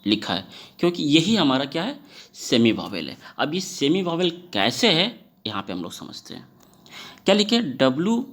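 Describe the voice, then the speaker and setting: Man, teacher, animated intonation, quizzes students, drawn-out words for emphasis. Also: medium pitch. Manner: questions the class often and stretches words to stress sounds. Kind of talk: classroom lesson explaining to students.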